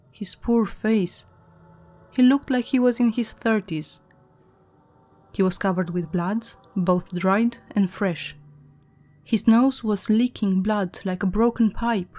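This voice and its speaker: A woman narrating a horror story in a dramatic, measured storytelling manner. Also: medium pitch, darkish tone. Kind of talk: scripted narration.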